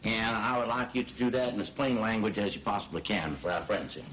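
Actor as a halting, low-voiced male lawyer. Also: steady tone, fairly bright tone, close to an everyday voice, low-quality recording. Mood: polite, halting. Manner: halting, folksy, polite. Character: courteous, halting male trial lawyer questioning a witness. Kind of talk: courtroom scene in a film. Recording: faint noise and room ambience.

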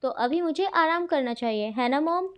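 A whiny, playful young man who begs to be left asleep, as a woman reads him out. The voice sits high and sounds pleading and cheeky, like a line read aloud from a storybook retelling. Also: expressive, moderate pace.

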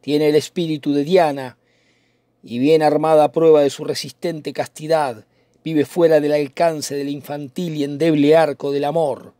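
A man's voice: a little high, little pitch movement, unhurried, dark tone, dry recording, clean studio sound, natural voice. A man reading as Romeo, lovesick young nobleman. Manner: theatrical, declaiming. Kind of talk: dramatic reading of a play.

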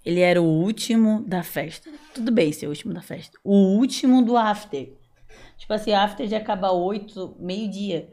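A woman's voice: mid-range voice, moderate pace, warm tone. A young woman chatting frankly and rambling on a podcast, with lots of fillers. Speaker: guest. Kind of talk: casual podcast chat.

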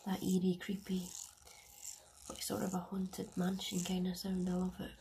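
A young woman whispering softly and unhurriedly in an ASMR chat, close to binaural microphones. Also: fairly low pitch, completely flat delivery, normal speed. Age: young adult. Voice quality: soft, breathy whisper. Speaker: ASMR video creator. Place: dim room in a flat. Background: faint room ambience, wind.

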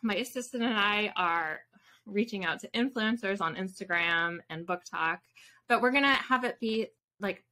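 This woman in her thirties, an author guesting on a podcast, speaks at a normal speed in a mid-range voice that sounds pushed and bright. She chats informally via video call from a room with bookshelves. She wanders off and rephrases things easily.

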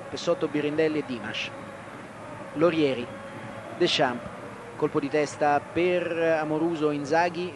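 Higher-pitched male football commentator over loud noise. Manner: terse, clipped phrasing, naming players as they touch the ball. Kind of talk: live TV football play-by-play commentary in short phrases. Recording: loud outdoor stadium noise, old broadcast. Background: outdoor stadium ambience.

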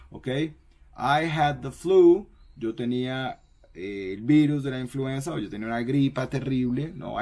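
A man teaching an English lesson, repeating each word and often checking in with "ok?". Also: mid-range voice. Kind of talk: bilingual language lesson.

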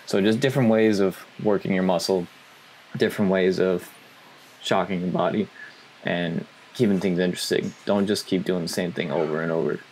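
Low-voiced young man narrating a workout. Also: normal speed, slight background noise. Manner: relaxed, explanatory coaching tone. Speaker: fitness vlogger. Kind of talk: casual voice-over narration.

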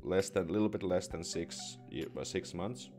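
Streaming from a small room in Finland, a young man answers viewers' questions and reads their chat comments in a relaxed Q&A, his low, somewhat mellow voice carrying a Finnish accent at a moderate pace. Soft background music plays as he talks into a studio condenser mic with headphones on, thinking out loud with plenty of fillers and restarts.

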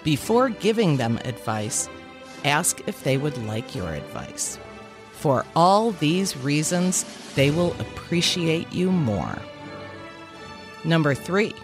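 A low-voiced woman in her fifties, a podcast host, gives a mock commencement speech at a measured, deliberate pace, leaning on emphatic pauses. Music plays underneath.

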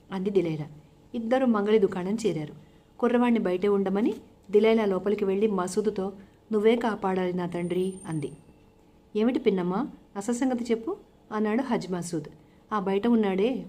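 A woman's voice: mid-range voice, warm tone. A woman narrating a folk tale as a storyteller, giving the characters' lines small shifts of voice.

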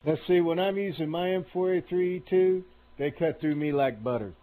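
A man's voice: on the high side, moderate pace, phone-quality sound. A man streaming a tank game, giving casual commentary with grumbling, sarcastic asides.

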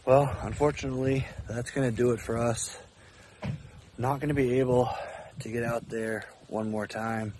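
A man's voice: mid-range voice, fairly even intonation, normal speed, noisy background. A man in his thirties giving a matter-of-fact selfie vlog update outdoors on a phone held at arm's length. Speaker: fishing channel host. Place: outdoors by a house.

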